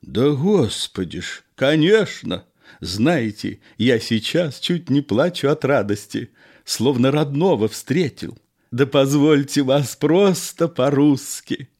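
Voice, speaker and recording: A man's voice: medium pitch, lively intonation, slow, darkish tone, pitched above the performer's own voice. A man voicing a sentimental ex-police officer. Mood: reminiscing.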